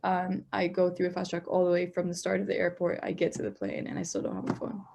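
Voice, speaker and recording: A young woman from Palestine, a law student, giving an interview. She tells a story with animated, acted-out dialogue for both sides. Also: fairly low pitch, fast, vocal fry, noisy background. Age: young adult.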